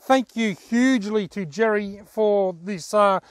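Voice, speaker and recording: Outdoors on a dirt track in the bush, an Australian man in his forties hosts his fishing vlog, speaking effusively and casually to camera. His voice is high-pitched and unhurried, captured as clean studio sound without room sound.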